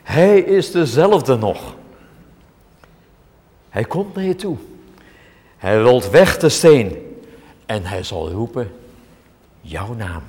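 Male preacher, slow and deliberate, very animated pitch, big echoing hall. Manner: dramatic, emphatic preaching with large swings in pitch and loudness. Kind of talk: sermon. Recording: long hall reverb.

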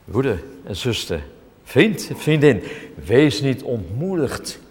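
Slow, dramatic preacher man in a reverberant hall. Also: big pitch swings. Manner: dramatic, emphatic preaching with large swings in pitch and loudness. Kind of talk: sermon.

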